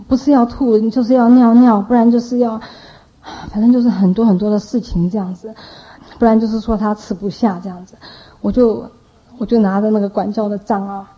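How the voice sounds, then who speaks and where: A woman tells a faith testimony about caring for children, circling back with restarts and trailing tag phrases. Her voice is very dark and mellow. The recording sounds dull and lo-fi. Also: mid-range voice.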